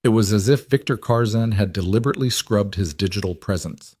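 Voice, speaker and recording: A man narrating a romance story in a measured, even way. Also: fairly low pitch, breathy edge, no room sound.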